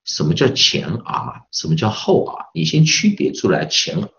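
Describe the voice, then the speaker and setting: A man's voice: lowish voice, huge pitch swings, moderate pace, gravelly, fairly bright tone, highs cut off. A man teaching English pronunciation in a recorded online lesson with a Taiwanese Mandarin accent, patiently repeating sounds over and over to demonstrate them.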